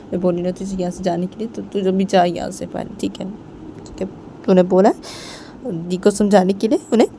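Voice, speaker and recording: A woman's voice: on the low side, mellow, natural voice. Brief: withdrawn, pleading young woman, voiced by a female narrator, vehicle noise. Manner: pleading, repetitive.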